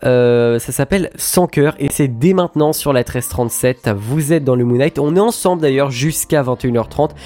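A man's voice: medium pitch, normal speed, few pauses, mellow, no room sound, soft background music. A man hosting a radio show in casual on-air chat, talking in a hesitant way with many fillers and restarts. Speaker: radio host. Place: radio studio.

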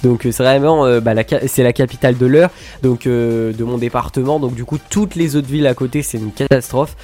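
A radio host chats casually on air in a studio, faint music playing behind him. His medium-pitched voice is warm and fairly quick, though he sounds hesitant, full of fillers and restarts.

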